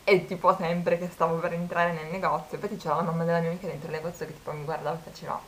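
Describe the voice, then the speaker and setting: Young woman vlogger, lowish voice, chatty storyteller. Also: level tone, rapid-fire, fairly bright tone, slight background noise, low-quality recording. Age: 20s. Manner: chatty storytelling, quoting people. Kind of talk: casual chat.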